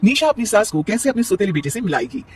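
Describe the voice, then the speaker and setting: Lively high-voiced male storyteller. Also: quick pace, recorded from a distance, faint music behind. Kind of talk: scripted story narration.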